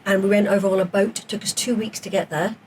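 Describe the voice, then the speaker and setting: A woman in her fifties tells her story at a quick clip, lively and chatty as a podcast guest. She sits a little back from the mic. A faint hiss hangs behind her. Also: medium pitch, distant mic. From England, raised in South Africa. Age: 50s. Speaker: podcast guest, former police officer. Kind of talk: casual interview chat.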